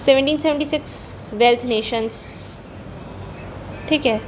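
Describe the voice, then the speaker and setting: A woman's voice: high-pitched, measured pace, noisy background. A woman teacher giving a conversational economics lecture, repeating key points and slipping between Hindi and English.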